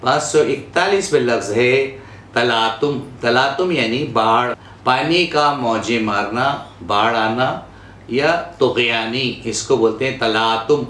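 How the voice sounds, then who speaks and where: Male Urdu pronunciation teacher, very slow and deliberate, roomy echo, faint background hum. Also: mid-range voice, fairly bright tone. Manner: deliberate, repeats each word and gives its meaning. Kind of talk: slow word-by-word pronunciation lesson. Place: studio.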